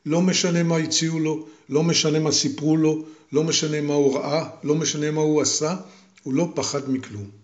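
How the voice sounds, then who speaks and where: An older man, a grandfather, telling a story to his grandchildren slowly and with repetition. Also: fairly high pitch, fairly even intonation, reverberant. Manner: slow, deliberate, with repetition.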